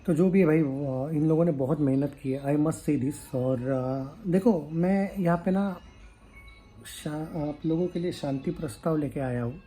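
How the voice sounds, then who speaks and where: A man, a film news YouTuber chatting casually to his viewers, pausing with fillers and slipping into English phrases. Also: a little high, mellow, slight background noise. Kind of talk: casual chat to camera.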